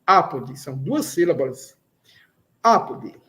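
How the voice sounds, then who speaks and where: A man with a Brazilian accent teaches a language lesson in a slow, deliberate way. His voice sits fairly high for a man. He goes back over his example sentences patiently. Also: lively intonation. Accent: Brazilian Portuguese. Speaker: Esperanto teacher. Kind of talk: slow classroom explanation.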